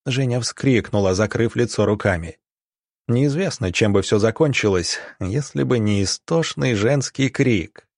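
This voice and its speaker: A man narrating an audiobook in a tense, measured storytelling manner. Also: fairly low pitch, no room sound, studio quality.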